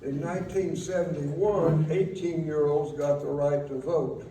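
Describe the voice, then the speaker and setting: An older man gives a fond, wry eulogy, reminiscing in a halting, faltering way with pauses. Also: on the high side, fairly even intonation. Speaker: eulogy speaker. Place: speaking at a memorial gathering in a room. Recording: roomy, distant mic, faint noise.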